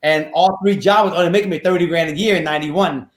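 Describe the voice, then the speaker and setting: Talking fast in a fairly high voice, a Vietnamese real estate investor in his fifties tells his life story during a casual podcast interview. The room echoes, and he comes across as earnest, repeating phrases and using slightly nonstandard grammar in English.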